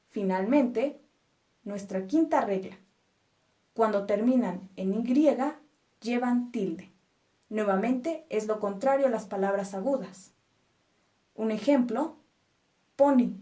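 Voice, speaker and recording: Woman, teacher, unhurried and patient, slightly high voice, spells words out syllable by syllable. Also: mellow. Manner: patient, stresses syllables one by one; reassuring rhetorical questions to viewers. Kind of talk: explanatory spoken lesson.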